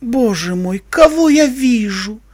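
A man's voice: very high voice, expressive, slow pace, a little mellow, dry recording, pitched above the performer's own voice, exaggerated voice. A man voicing a vain, glamorous female unicorn queen who speaks in a mincing, affected way. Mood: gushing.

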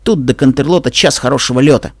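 A man reading a story aloud and voicing a brash, tomboyish young female pegasus pony who scoffs loudly in dramatic outbursts. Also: medium pitch, fast, no room sound, studio quality, close to an everyday voice. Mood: grumbling. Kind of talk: audiobook character voice.

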